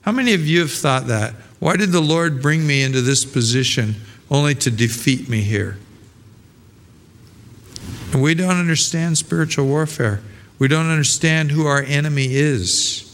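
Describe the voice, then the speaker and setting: Male pastor, sermon, slightly high voice, rhetorical questions, long reverb. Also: normal speed. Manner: conversational preaching with rhetorical questions and repetitions.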